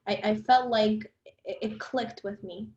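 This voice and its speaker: A woman's voice: medium pitch, fairly even intonation, a little mellow. Colombian-born young woman, roomy dull sound. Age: 20s. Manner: earnest, quick phrases with fillers. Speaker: podcast guest. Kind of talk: casual interview chat.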